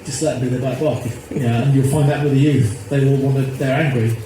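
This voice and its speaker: This is a casual interview over an echoey, noisy phone line with a male activist in his fifties who talks earnestly, wandering and circling back to the same points. He has a medium-pitched voice with fairly even intonation and speaks a little fast.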